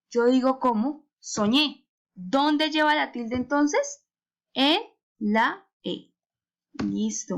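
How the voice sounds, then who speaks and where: Teacher, female, higher voice; patient classroom delivery for kids, drawn-out words, frequent questions. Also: highs cut off. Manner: patient, asks frequent rhetorical questions, stretches words to stress syllables. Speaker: primary school teacher. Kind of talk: recorded remote lesson for children.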